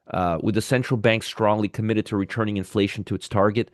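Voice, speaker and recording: The host of a live pre-market trading commentary show, a man with a fairly low-pitched voice, is sick with a sore throat. He explains things in a conversational manner, repeating himself, and the studio-quality audio carries no echo.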